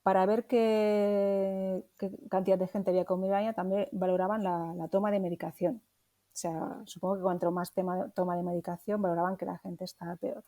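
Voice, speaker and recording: A woman's voice: medium pitch, little pitch movement, moderate pace, warm tone. A woman from Barcelona co-hosting a casual podcast, thoughtful and hesitant, often rephrasing mid-sentence. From Barcelona, Spain. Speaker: podcast co-host.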